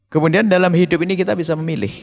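A man preaching and answering a question, lively, acting out quoted speech in a raised voice. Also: high-pitched, racing, creaky. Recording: reverberant hall.

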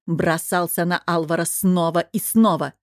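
Low-voiced woman narrating an audiobook. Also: steady tone, normal speed, dry recording, studio quality. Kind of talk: scripted narration.

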